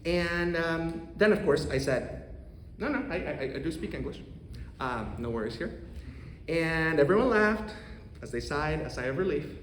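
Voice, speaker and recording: A Costa Rican economics professor in his thirties, with a Costa Rican accent, gives an earnest, measured prepared talk to a congregation, restarting occasionally. His voice is fairly high, bright and lively. Roomy hall reverb, faint ambience, and a little hiss or hum mark the recording.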